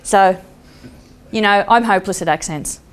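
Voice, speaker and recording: An Australian woman telling a story on stage, lively and acting out the voices of the people in it. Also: mid-range voice, normal speed. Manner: lively, acts out voices and laughs at her own jokes. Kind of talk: live storytelling talk. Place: stage before an audience.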